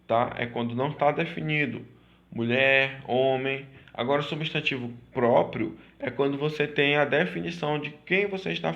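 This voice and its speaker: Male teacher, mid-pitched, explains step by step and keeps checking the listener follows. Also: gravelly, a bit bright, highs cut off. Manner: repetitive, checks in with "certo?" and "tá?". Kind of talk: explaining grammar lesson.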